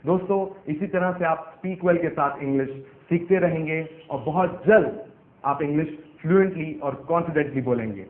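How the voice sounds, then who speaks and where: A man teaching English grammar, spelling words out letter by letter in a slow, careful way. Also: fairly high pitch. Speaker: English trainer. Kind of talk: explanatory grammar lesson. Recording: echoey, phone-like narrow sound.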